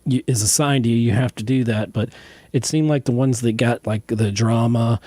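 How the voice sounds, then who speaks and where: Mellow-voiced man hosting a radio interview. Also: mid-range voice, steady tone, no room sound. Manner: halting, friendly interviewer with many fillers. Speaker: interview host.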